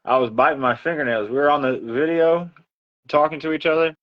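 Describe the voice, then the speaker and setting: A man's voice: fairly high pitch, brisk. Dull-sounding chatty male livestreamer. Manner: chatty storyteller, acts out others' remarks. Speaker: livestream host. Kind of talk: casual livestream chat. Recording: dull lo-fi audio.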